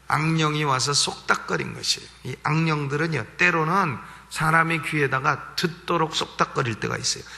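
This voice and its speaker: A man's voice: on the high side, vocal fry, sharp tone. A male pastor giving an expository sermon, emphatic, repeating key phrases and asking rhetorical questions. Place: church sanctuary. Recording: long church reverb.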